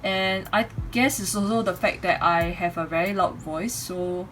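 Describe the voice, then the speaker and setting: A woman in her twenties with a Singaporean accent, an amateur reviewer, speaks into a USB condenser microphone in a room at home, giving a casual mic review with read-aloud speech samples. Her mid-range, slightly bright voice comes at normal speed, and the poor-quality home recording has clear background noise.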